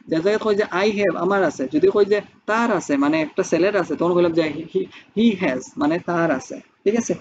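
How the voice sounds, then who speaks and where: A man's voice: sits high, lo-fi sound, a little hiss or hum. A man teaching spoken English, who explains step by step and keeps asking rhetorical questions.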